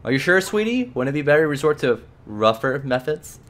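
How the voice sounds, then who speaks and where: A man's voice: a little high, sing-song, brisk, a bit bright, voice pushed up. A man putting on a coaxing bloodthirsty spirit woman. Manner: purring, coaxing, calls him sweetie. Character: sly female spirit companion, bloodthirsty and doting. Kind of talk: reading game dialogue aloud.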